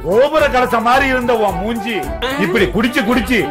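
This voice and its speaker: A weepy sentimental drunk. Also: male voice, very high-pitched, a little fast, music in the background. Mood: lamenting. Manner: wailing, lamenting drunk. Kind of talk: comic film dialogue.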